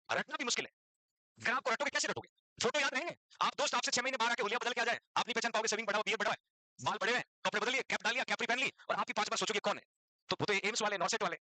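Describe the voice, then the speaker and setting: A man lectures a classroom of nursing exam students in Hindi mixed with English terms, repeating key points and quizzing the class. His voice is extremely high and sharp-toned, in a rough recording with no room sound.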